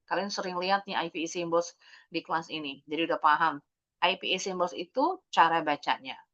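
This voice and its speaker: A woman's voice: lowish voice, lively intonation, brisk, fairly bright tone, muffled recording. An Indonesian woman teaching an English class, explaining patiently and mixing English words into her talk.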